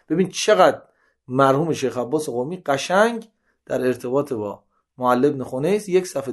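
Man, religious lecture, reads then paraphrases, lively pitch jumps on quotes, mid-pitched voice. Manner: reads Arabic passages then paraphrases in colloquial Persian; animated, with sharp rises in pitch when quoting. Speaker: religious teacher. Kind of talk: seminary lecture reading and explaining hadith.

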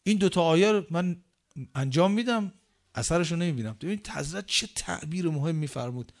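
A man delivers a sermon in a voice pitched a little higher than most. He questions his listeners rhetorically and recites scripture slowly and deliberately. His emphasis rises and falls sharply, loud on key words and dropping to near quiet at the ends of points. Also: animated, creaky. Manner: emphatic swings in pitch and loudness. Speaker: preacher.

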